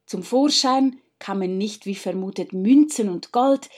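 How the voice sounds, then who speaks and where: A woman reading a folk tale aloud as a storyteller, in a slow, measured narration. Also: mid-range voice, darkish tone.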